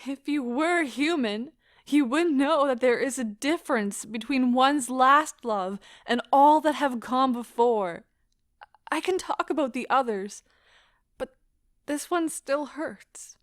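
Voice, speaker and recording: In a stage-style romantic audio drama, an actress plays an anguished, hurt woman pleading as she leaves a broken love affair. Her high voice moves slowly and deliberately, each word weighed with theatrical, impassioned feeling. The sound is close and dry, with no room sound.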